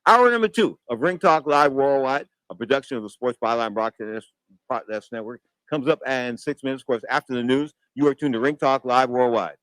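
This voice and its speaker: A man's voice: medium pitch, brisk, fairly bright tone, dry recording, rough recording. A man hosting boxing talk radio in a slangy, opinionated monologue. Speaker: radio sports show host. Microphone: close studio broadcast microphone.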